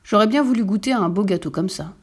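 A woman's voice: medium pitch, expressive, fast talker, slightly rough. Storybook pet: woman reading as a boastful dog, emphatic and insistent. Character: good-natured boastful male dog.

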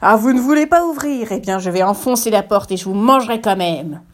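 A woman's voice: high-pitched, slow pace, a little mellow, voice pushed up. A woman voicing a sly male wolf in a children's tale, raising her voice to a thin sweet tone to fake a mother goat. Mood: angry.

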